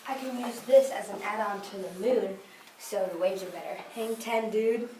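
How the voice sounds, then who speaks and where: Lady voice, mid pitch, goofy quick answers, echoey noisy room far away. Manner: playful, adds sound effects.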